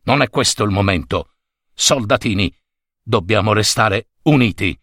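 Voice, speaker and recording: A man's voice: lowish voice, unhurried, fairly bright tone, no echo, studio quality. A man voicing a stern old general who gives clipped orders to a group of children. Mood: commanding.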